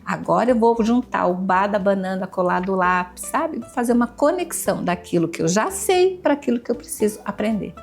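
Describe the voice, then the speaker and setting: A woman's voice: mid-range voice, lively intonation, brisk, gravelly, hardly any pauses, soft background music. A woman educator, a guest in an interview, explaining her method in a patient, teacherly way and repeating examples.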